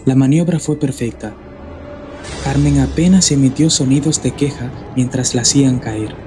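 A man from the Dominican Republic reading a scripted horror story in a measured, grave manner. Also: mid-range voice, darkish tone. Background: faint background music.

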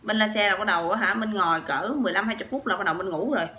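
A woman from southern Vietnam with a Southern Vietnamese accent, telling a story to her viewers in a chatty, animated way full of fillers and asides. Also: mid-range voice, rapid-fire. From Sóc Trăng, southern Vietnam. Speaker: vlogger.

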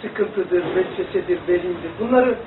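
A man's voice: high voice, moderate pace, background noise. Distant, echoey man teaching religion. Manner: rambling, animated, demonstrating to listeners. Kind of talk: informal religious lesson. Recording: echoey room, distant phone-like mic.

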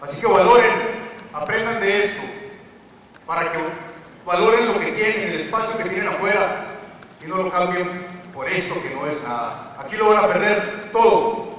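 A man's voice: high voice, normal speed, long pauses, a bit bright. Male inmate narrator, played by a man, didactic, long hall reverb, faint noise. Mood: earnest. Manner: didactic, addressing the audience directly. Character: male inmate lecturing students, earnest. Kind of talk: live stage performance. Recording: echoey hall from far off.

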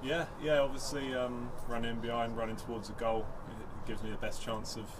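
A young English man, a footballer giving a halting post-match interview outdoors at a ground at night, with many ums and repeated words. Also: medium pitch, little pitch movement. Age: young adult. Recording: outdoor noise behind.

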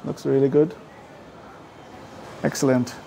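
This travel vlogger speaks slowly at a medium pitch, his tone level and warm, with vocal fry. Holding the camera himself, he wanders restaurants and streets indoors and outdoors, complimenting the food in plain, friendly language for a casual food vlog. The audio from the handheld camera is noisy.

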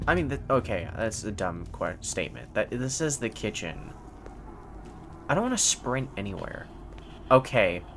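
Jumpy, animated young male horror game streamer. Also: fairly low pitch, normal speed. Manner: sweary, sarcastic asides. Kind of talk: horror game playthrough commentary. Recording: faint-to-clear game noise behind voice. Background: horror game ambience.

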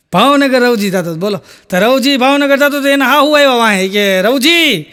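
High-voiced Kathiawadi Gujarati comic storyteller. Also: male voice, animated, moderate pace, sharp tone, clean tone. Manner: chatty storyteller, constant "he said" asides. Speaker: comedian. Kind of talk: live stand-up joke telling. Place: live comedy stage.

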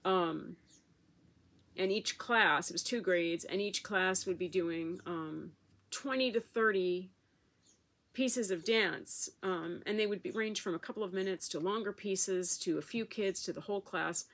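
A woman speaking in her personal video blog, emotional and halting, close to tears. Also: medium pitch, a bit bright. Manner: emotional, halting, tearful at times. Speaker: vlogger.

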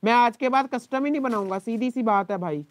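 Exasperated Pakistani streamer with dry close sound. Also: male voice, extremely high pitch, fairly quick, no room sound. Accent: Pakistani Urdu. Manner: exasperated, complaining to chat. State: dry throat from shouting. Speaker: game streamer. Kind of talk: live gaming stream talk.

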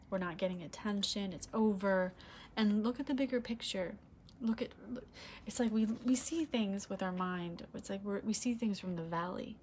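A woman gives a casual tarot reading to camera in an indoor room with red curtains and candles on a table. Soft-spoken, her low, husky voice is giving out, she clears her throat and often asks "okay?" The quiet recording comes from a broken microphone, with slight background noise.

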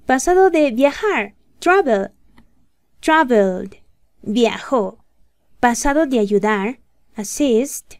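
A woman explains grammar rules to beginners at a slow, deliberate pace. Her voice sits somewhat high, and she keeps stopping to ask quick questions that check understanding. The sound is close and dry, with almost no room echo. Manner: patient, step-by-step, checking questions. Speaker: English teacher.

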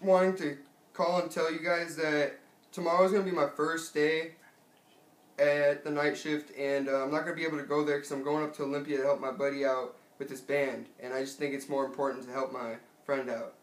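A young man with a slightly high voice makes a casual prank call. He speaks haltingly and hesitantly, recorded in an echoey room on a camera mic. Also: level tone. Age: young adult. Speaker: prank caller. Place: small furnished room at home. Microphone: camera a short distance away.

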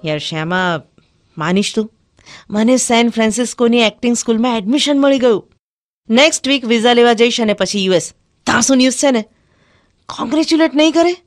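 A woman voicing an excited young male stage actor who speaks eagerly in a raised, bubbly voice. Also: medium pitch, fairly quick, hardly any pauses, dry recording, clean studio sound, faint music behind, lightly acted. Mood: thrilled.

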